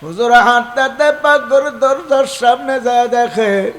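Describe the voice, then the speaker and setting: A man preaching a waz sermon in a very high voice. He tells the story slowly and melodically and stretches the words into sung, wailing lines. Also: a bit bright. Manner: storytelling, drawn-out melodic chanting, emotional.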